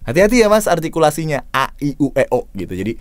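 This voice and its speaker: A man coaching voice-over talent in a casual spoken critique. He jumps into demonstrations of lines with big swings in pitch. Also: big pitch swings, fast, no echo. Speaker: voice-over coach reviewing submissions.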